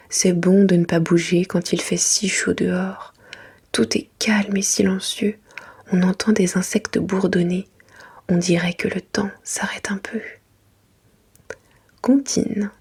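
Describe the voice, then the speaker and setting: A woman reading a children's storybook in a hushed, breathy library whisper, in a soft ASMR style. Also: on the low side. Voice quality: breathy, unvoiced.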